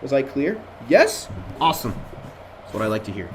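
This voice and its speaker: Speaking at medium pitch with big swings in intonation and at normal speed, a young man from Jordan who has an American accent lectures as a student in a casual online review session. He rambles chattily, with frequent fillers and restarts. The computer mic captures a noisy background on the voice call.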